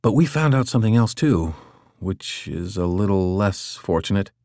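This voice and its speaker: A man's voice: lowish voice, lively intonation, moderate pace, warm tone, no echo, clean studio sound. A man reading an audiobook, voicing a confident, slightly pushy male colleague. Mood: assertive.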